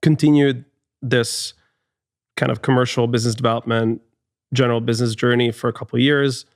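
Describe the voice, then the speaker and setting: In this dry studio recording, a guest on a podcast interview, an HR executive in his thirties with a Hungarian accent, speaks in a steady, mid-range voice at a slightly fast pace. He comes across as thoughtful, often restarting sentences and leaning on fillers.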